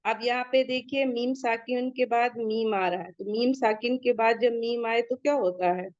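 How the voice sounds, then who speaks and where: A woman teaching Quran recitation rules step by step, reciting each word slowly and quizzing her students on the rules. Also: fairly high pitch, darkish tone, no room sound, muffled recording. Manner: asks students questions and checks their answers. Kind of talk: tajweed lesson with recitation.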